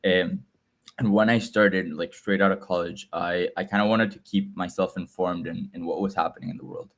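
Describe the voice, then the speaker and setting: Young guy from guatemala on a video call, deep and pretty monotone, keeps restarting words. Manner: halting, repeats words as he talks. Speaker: guest, app builder. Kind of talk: casual video call chat.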